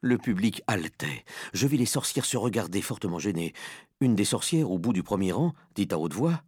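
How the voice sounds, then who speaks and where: Expressive male storyteller, husky. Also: fairly low pitch, fairly quick, dry recording, studio quality. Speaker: narrator. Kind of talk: audiobook narration.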